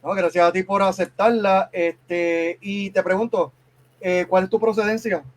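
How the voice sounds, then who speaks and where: A man's voice: sits high, level tone, a little slow. A man hosting a podcast interview, speaking formally with hesitant fillers. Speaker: podcast host.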